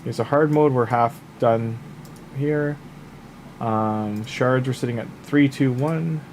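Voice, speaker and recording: Speaking slowly at a medium pitch, a man streams a late-night game session and rambles to his chat. His relaxed advice is heavy with fillers, and he's sniffly from the last of a cold. There's slight background noise.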